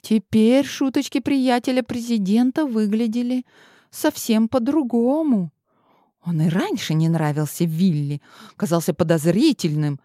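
A woman narrating a fantasy audiobook in an expressive, tense manner. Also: medium pitch, no room sound, studio quality.

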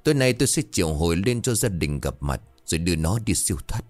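The solemn voice of an older village shaman giving instructions, as a man puts him on. It is deep and dry, with a steady, authoritative manner. It is read aloud as a ghost story. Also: quick pace, no room sound, faint music behind.

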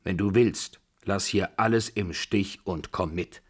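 A man voicing an imperious, quick-tempered old grandmother in a radio drama reading, scolding and giving orders. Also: sits low, husky. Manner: scolding, commanding, abrupt.

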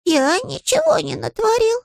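A woman's voice: very high voice, wildly swooping pitch, moderate pace, gravelly, no echo, studio quality, pitched above the performer's own voice, heavily acted. A woman voicing a small, polite, earnest young bear in a storybook reading.

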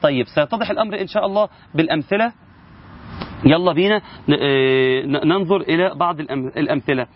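A man's voice: a little high, quick pace, highs cut off, slight background noise. A man with an Egyptian accent, teaching Quran recitation rules in a casual spoken lesson and asking his listeners rhetorical questions. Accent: Egyptian Arabic.

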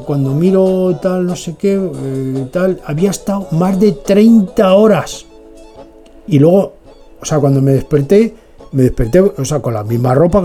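A man's voice: a little high, mellow. A man, hosting a radio show and telling a long personal story full of filler asides. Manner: digressive, lots of "tal y cual" filler asides. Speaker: radio host. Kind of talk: rambling personal anecdote on radio.

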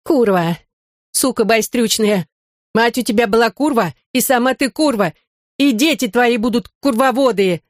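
Woman doing a shrill spiteful old wife. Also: normal speed, dry recording, studio quality, natural voice. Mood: venomous. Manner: screeching abuse.

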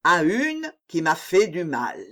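Pompous brooding poet, solemn and declamatory, slow delivery, voiced by an audiobook reader. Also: medium pitch, wildly swooping pitch, fairly bright tone, heavily acted. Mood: declaiming. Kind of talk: audiobook character voice.

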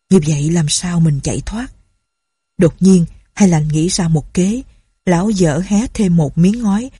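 A woman narrates a storybook in a low, husky, mellow voice with a steady, dramatic delivery. The recording is close and dry. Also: no echo.

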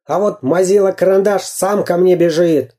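Man doing a gruff slow pirate captain, dark voice, storybook. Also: high voice, pitched above the performer's own voice. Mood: blustering. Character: bearded male pirate captain, gruff and dim.

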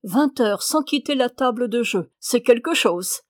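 A woman's voice: fairly high pitch, animated, a little slow, dry recording. A talkative traveling gambler, a man who jokes and laughs at the card table, read by a woman in an audiobook. The voice stays close and dry, with no room around it. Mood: chatty. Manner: chatty, laughing easily.

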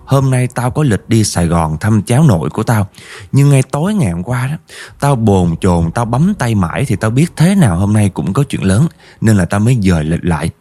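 A man's voice: lowish voice, big pitch swings, a little fast, mellow. Man doing a stern old exorcist. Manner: harsh, scolding, blunt orders. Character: stern older male exorcist, commanding and threatening.

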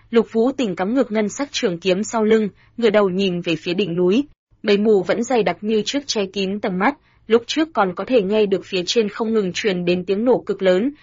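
Breathy woman narrating a storybook. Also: mid-range voice, no echo. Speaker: audiobook narrator. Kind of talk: scripted narration. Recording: dull, dry lo-fi sound.

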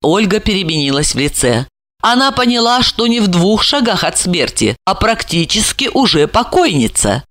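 A woman's voice: medium pitch, big pitch swings, normal speed, fairly bright tone. A woman narrating a dramatic story as an audiobook reading.

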